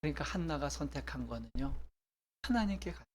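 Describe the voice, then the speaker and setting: A man's voice: a little high, animated, brisk, slight background noise. Middle-aged male pastor, emphatic sermon delivery, asks the audience many rhetorical questions.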